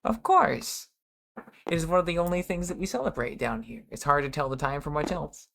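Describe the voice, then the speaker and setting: A cheerful founder of a ragtag underground group, put on by a man, speaking in a gravelly voice pitched above his own. He tries for a thick Russian accent. A friendly host figure in a tabletop game. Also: brisk, background noise. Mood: genial.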